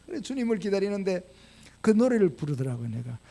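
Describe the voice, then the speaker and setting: Animated, gravelly-voiced preacher man. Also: high-pitched, a little fast. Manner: storytelling preacher, swings from quiet to emphatic. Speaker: pastor. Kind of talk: sermon.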